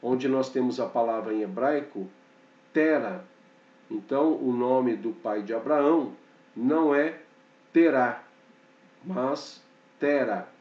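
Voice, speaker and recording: A man teaching a slow, explanatory grammar lesson, pointing things out on a board and checking in often with short fillers. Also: medium pitch, distant mic. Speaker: Hebrew teacher. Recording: dull, echoey room, off-mic.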